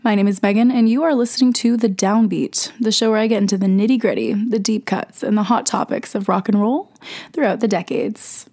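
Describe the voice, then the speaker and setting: A young woman presents a scripted music commentary show on radio. Her voice is congested, with the blocked nose and sore throat of someone under the weather. She sits at an ordinary mid-range pitch for a woman. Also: brisk, mellow. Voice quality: slightly congested, stuffed-up nasal sound.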